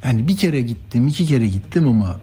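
Male news commentator, husky and dark-toned, conversational and rambling, faint music behind. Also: medium pitch, animated, quick pace. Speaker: news show host.

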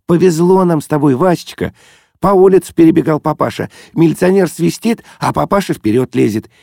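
Man voicing a young woman, shy, joyful, high-pitched, eager hushed whisper, gravelly. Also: brisk, no room sound, clean studio sound. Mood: excited.

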